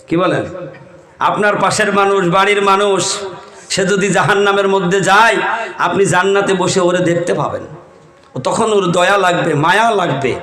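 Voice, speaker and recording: A man preaching a sermon to a crowd in rural spoken style, chanting verses and prompting the listeners to respond. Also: sits high. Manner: calls on the crowd to answer and shout along; rural spoken Bengali with vivid storytelling. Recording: echoey hall.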